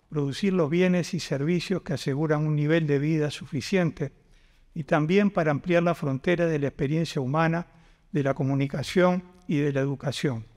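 An older man with a Uruguayan Spanish accent delivers a formal graduation speech from a podium. His voice sits a little high for a man, and his careful, deliberate reading rings out with a long reverb through a large auditorium. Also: a little mellow. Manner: measured, deliberate reading from notes. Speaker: university vice-rector. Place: large concert auditorium stage. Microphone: podium microphone.

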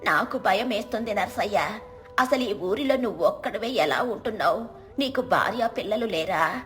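A woman's voice: mid-range voice, expressive, moderate pace, a bit bright, close to an everyday voice. Woman doing a jumpy old village woman. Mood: anxious. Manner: anxious, exclaiming. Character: frightened old village woman, fussy and talkative.

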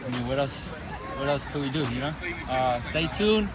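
A man's voice: medium pitch, lively intonation, normal speed, over loud music. A young man, a player, chatting casually to a phone outdoors on a sports field. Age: young adult. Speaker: vlogging player, quarterback. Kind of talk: casual vlog chat. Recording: noisy outdoor phone, loud crowd.

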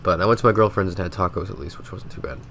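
A man's voice: low voice, racing, gravelly, a bit bright, slight background noise. A man with a stuffy, sick nose, casually rambling through a game commentary voice-over with lots of filler words. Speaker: gaming video host.

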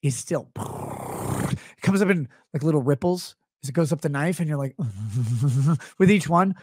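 A man's voice: on the high side, animated, a little slow, a little mellow, slight background noise. A man in his thirties hosting a live stream, ranting comedically and sarcastically on a close studio mic. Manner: sarcastic, rambling, jumps between voices. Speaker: streamer host. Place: small home studio room, indoors. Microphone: close studio mic on stand.

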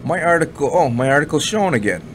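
A man's voice: a little high, animated, quick pace. A Canadian man from Ottawa giving blunt, rambling casual commentary over a screen recording, repeating himself and swearing now and then. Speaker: online marketing reviewer. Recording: audible background noise.

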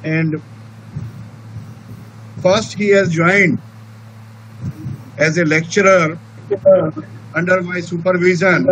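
A man with an Indian accent giving a formal introduction as a university dean, in halting, broken phrases. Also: sits high, fairly even intonation, fairly bright tone, low-quality recording. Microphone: video call. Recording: video call, faint background noise.

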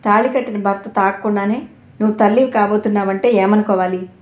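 A woman's voice: medium pitch, steady tone, brisk, natural voice. A bitter, accusing young husband, as a woman narrator voices him in an audio novel. He sneers and snaps at his wife, his voice set in a roomy, echoing space. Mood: angry. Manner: accusing, mocking, harsh. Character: angry suspicious husband, young man.

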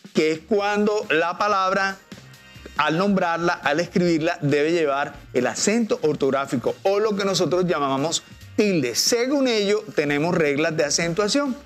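A man's voice: sits high, lively intonation, unhurried, faint music behind. A man with a Colombian Spanish accent, a teacher guest explaining in a patient, didactic way and drawing out example words. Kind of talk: explanatory TV interview.

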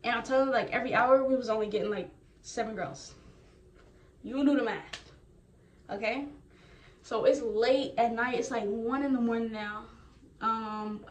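A young woman vlogger casually retelling her experience in a chatty, animated way. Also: a little high. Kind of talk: casual storytelling. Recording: roomy, distant, faint noise.

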